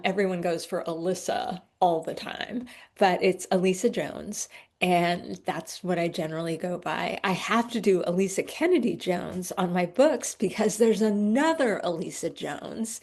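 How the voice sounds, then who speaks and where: A middle-aged woman with vocal fry, chatting casually as an interview guest in a halting, wry way. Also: lowish voice, a little mellow. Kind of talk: casual conversational interview answers.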